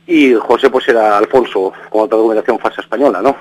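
A man's voice: fairly low pitch, quick pace, rough recording. A middle-aged man from Galicia, an interviewee who rambles in a casual way, restarting his sentences and tagging them with questions. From Galicia, Spain. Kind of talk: casual recounting. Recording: radio broadcast.

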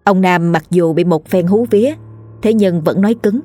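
A woman narrating a comic ghost story in a lively storytelling manner. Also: fairly low pitch, moderate pace, faint music behind. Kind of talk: dramatic storytelling.

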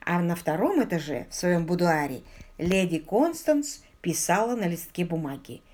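A woman narrating an audiobook in an expressive, ironic storytelling manner. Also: on the low side, normal speed.

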